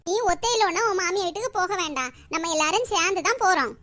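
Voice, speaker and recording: A woman voicing both a fond village mother and her reformed grown daughter in an animated comedy, with a Kanyakumari Tamil accent. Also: fast talker. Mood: sentimental. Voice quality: high, bright, sing-song. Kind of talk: animated cartoon voice acting.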